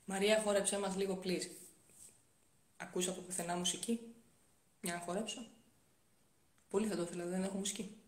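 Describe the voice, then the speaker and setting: A woman's voice: mid-range voice, fairly even intonation, long pauses. Young woman streamer on her phone at home, chatty, answers comments, roomy sound. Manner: chatty, reads comments aloud and answers them, with frequent soft-spoken asides. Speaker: live streamer. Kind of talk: casual live-stream chat answering viewer comments.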